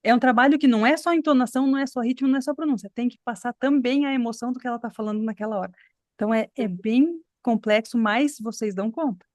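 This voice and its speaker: A woman's voice: fairly high pitch, fast, no echo. Encouraging woman teacher, dry close sound. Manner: explanatory, encouraging, many filler tags. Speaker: English teacher. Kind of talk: online class discussion.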